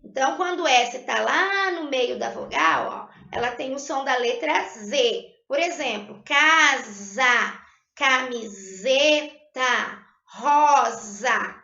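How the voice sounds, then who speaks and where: A woman teacher with a high, bright voice and a gravelly edge, patiently walking students through spelling rules. She sounds out syllables slowly and clearly. The recording is lo-fi, with a roomy echo. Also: expressive. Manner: patient, tags sentences with "tá?". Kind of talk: recorded Portuguese spelling lesson. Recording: lo-fi echoey room.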